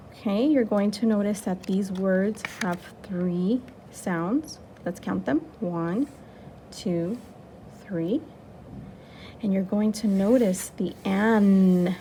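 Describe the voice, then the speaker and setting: A woman teacher walks young children through a phonics lesson, drawing out each letter sound with patient, encouraging care. Her voice carries a gravelly fry at mid pitch, and a faint hiss of noise sits underneath. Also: mellow. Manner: slow, clear, encouraging teacher talk with drawn-out sounds.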